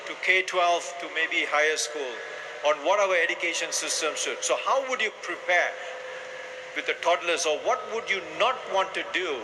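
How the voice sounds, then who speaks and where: A man moderating a live panel discussion, briskly summing up the guests' answers and posing questions. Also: on the high side. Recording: noisy live event recording.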